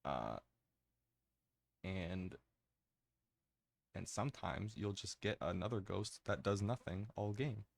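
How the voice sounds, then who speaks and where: A man's voice: slow pace, pauses often. A man giving casual, rambling ASMR gaming commentary in a hesitant way, close to the mic. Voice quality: low, gravelly.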